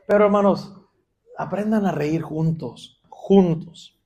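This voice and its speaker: Male pastor, strikingly high voice, sermon with playful asides. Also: takes it slowly, vocal fry. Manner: playful, swings between loud emphasis and quiet asides.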